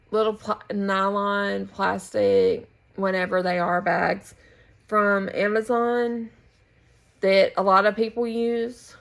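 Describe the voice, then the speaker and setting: A woman from the United States talks casually through her projects at home, in slow, unhurried speech. Her voice has a gravelly fry, and she meanders with pauses and restarts as she goes. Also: mid-range voice. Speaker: flosstube host. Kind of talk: casual show-and-tell chat.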